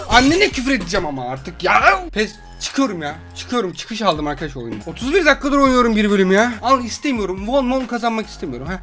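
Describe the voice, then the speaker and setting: A young man with a Turkish accent giving loud, swearing gameplay commentary with frequent outbursts. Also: high voice. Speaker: gaming video host.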